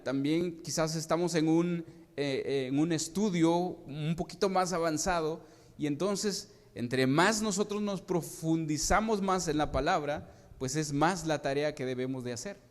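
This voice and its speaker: Man preaching in a reverberant hall. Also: a little high. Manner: asks the congregation questions, halting restarts. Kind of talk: sermon. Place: church hall.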